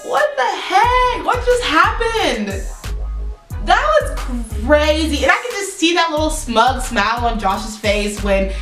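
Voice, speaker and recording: A woman's voice: high-pitched, very animated, takes it slowly, fairly bright tone, soft background music. A young woman, a reality show contestant, reacting dramatically in a confessional. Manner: dramatic, exclamatory. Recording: roomy echo, distant mic.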